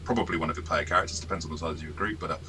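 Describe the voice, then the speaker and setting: Reviewing an adventure he ran as game master, this very low-voiced man speaks casually and rapid-fire. His tone is bright and forceful; he's chatty, pokes fun at himself, and keeps restarting his sentences. A faint hiss can be heard in the background.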